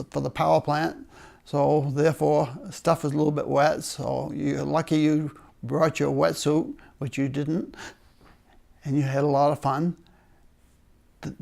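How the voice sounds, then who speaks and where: A man's voice: on the high side, vocal fry. An older man with a Maine accent, a retired worker telling stories from his working life in a wry, understated way. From Maine, United States. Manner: wry, understated humour with chuckles. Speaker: retired paper mill worker being interviewed. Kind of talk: oral history storytelling.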